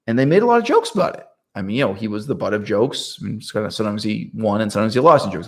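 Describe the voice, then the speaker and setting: Animated man musing aloud, lowish voice. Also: gravelly. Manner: animated, rhetorical, often asks "right?"; laughs often mid-sentence. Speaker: political commentator. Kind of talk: casual monologue.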